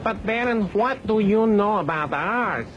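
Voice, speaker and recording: A dim, deferential henchman from a campy horror host show, acted out by a performer, speaking in a slow, simple way. The recording is muffled old television tape with clear noise over it. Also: mid-range voice, animated, lightly acted. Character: slow-witted servant sidekick of a horror-host vampire. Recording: dull, noisy old TV tape, distant.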